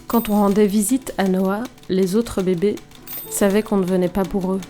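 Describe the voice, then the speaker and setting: A woman reads a scripted first-person narration in a calm, reflective voice. Clear music plays behind her with the sound of a typewriter, and her pitch stays in the middle range. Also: normal speed. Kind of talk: scripted narration read from a comic.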